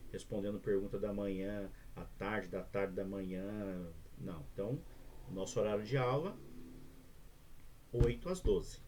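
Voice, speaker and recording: A man's voice: on the low side, warm tone, slight background noise. A male teacher with a Brazilian Portuguese accent giving a recorded remote lesson, explaining step by step and often checking in with the students.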